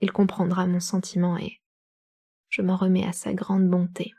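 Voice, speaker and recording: A woman's voice: lowish voice, monotone, moderate pace, mellow, husky, no echo. Woman reading as a worried young woman's letter. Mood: anxious.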